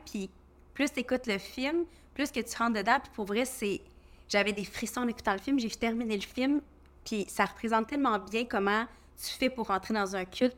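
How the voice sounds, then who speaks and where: A woman's voice: a little high, a bit bright. Chatty Québécois woman podcaster. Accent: Québécois French. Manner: chatty, rambling with frequent fillers. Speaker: podcast co-host. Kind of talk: casual chat.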